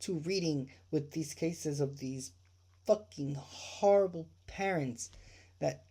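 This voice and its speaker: His voice is dark and mellow yet on the high side, slightly rough, and slow-paced as he hosts a true crime livestream. In open indignation, he curses freely, throws out rhetorical questions, and keeps returning to his points to hammer them home.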